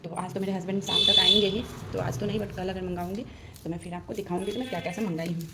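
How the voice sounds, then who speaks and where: A young woman talking through her household chores in a casual daily vlog, rambling, speaking softly and holding the phone herself. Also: fairly low pitch, steady tone, fast, distant mic. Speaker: vlogger. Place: home kitchen. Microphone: handheld phone. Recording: echoey room with household noise.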